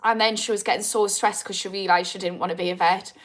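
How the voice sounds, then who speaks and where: The audio is poor, but you can hear a woman in her thirties with a Geordie accent talking fast in a steady, medium-pitched voice. She's chatting casually on a livestream, answering viewer comments with self-mocking humour and frequent laughs.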